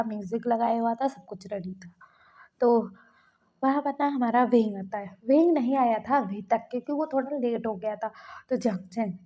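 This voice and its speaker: A woman narrates a fan-fiction story in a relaxed, chatty way, her voice a little raw from a sore throat. Her pitch sits somewhat high, but the tone is soft and mellow rather than bright. She sounds fond of her characters and turns often to speak to her listeners. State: hoarse throat.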